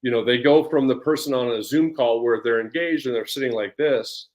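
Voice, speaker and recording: A man's voice: mid-range voice, brisk. Upbeat coach, a man in his forties. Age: 40s. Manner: energetic and upbeat, with frequent restarts and repeated words. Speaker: personal development coach. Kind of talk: casual podcast interview chat.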